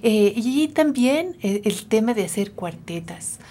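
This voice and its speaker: A woman from Ecuador, a singer-songwriter guest talking reflectively on a radio interview, with many pauses and tag questions. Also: on the high side, animated, mellow.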